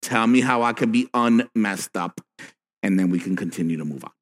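A man's voice: fairly low pitch, normal speed, voice pushed down, lightly acted. A man voicing an impatient male churchgoer who wants the preacher to wrap up and tell him what to do. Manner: pleading, self-mocking. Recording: long reverb with faint music.

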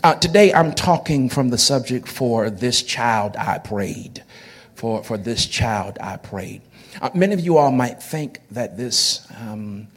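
This is a man in his forties with a lowish, slightly breathy voice, a pastor delivering a conversational sermon. He often repeats words as he builds up his phrases.

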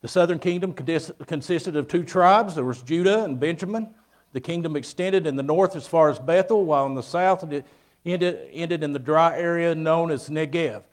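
A man with a slightly raised voice preaches an informal Bible lesson into a pulpit microphone in a church sanctuary. He speaks plainly and often stops to restart his sentences or fill pauses with "uh.". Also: on the high side. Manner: plain-spoken, with many fillers and restarts. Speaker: guest preacher.

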